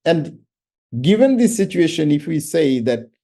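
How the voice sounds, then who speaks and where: A man's voice: a little high, sing-song, a little slow, warm tone. A middle-aged man from Bangladesh with a Bangladeshi English accent, giving an online seminar talk and repeating words for emphasis. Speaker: summit speaker.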